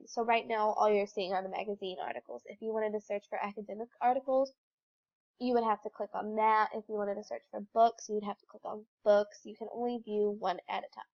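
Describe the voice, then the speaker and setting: Stuffed up with a cold, a young woman explains her slides informally, using some fillers. She speaks a little fast in a mid-range, slightly mellow voice with fairly even intonation, captured on dull-sounding audio.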